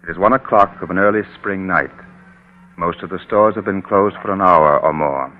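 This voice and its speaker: A man narrating a scripted 1930s-style radio drama in a measured, atmospheric storytelling manner. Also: sits low, faint music behind, close to an everyday voice. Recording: muffled phone-like old radio recording.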